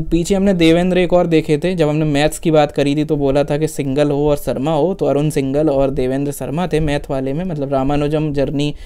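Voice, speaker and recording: A man's voice: on the high side, dark tone, clean tone. A man teaching current affairs for exams in a casual Hindi lecture, full of memory tricks, who often adds "theek hai" and "hai na" and corrects himself mid-sentence. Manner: chatty, repeats "theek hai" and "hai na". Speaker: exam-prep teacher.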